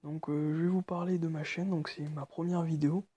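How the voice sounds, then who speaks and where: A nervous man walking through a phone tutorial, speaking quietly and haltingly with many fillers. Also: on the high side, flat delivery, breathy edge. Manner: speaking quietly late at night. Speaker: tutorial maker. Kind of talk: screen-recorded phone tutorial.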